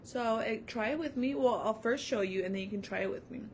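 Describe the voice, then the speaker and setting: A woman's voice: a little high, fairly quick, slight background noise. A young adult woman, a music teacher, giving a recorded online lesson to children in an upbeat, encouraging way, with many fillers, seated at home before her camera. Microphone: camera mic.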